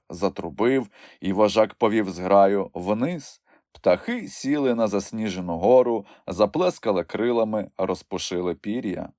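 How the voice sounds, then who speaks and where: A man narrating a children's audiobook in an expressive storytelling manner. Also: lowish voice, no echo, clean studio sound. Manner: expressive storytelling with lively swings. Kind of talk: scripted narration.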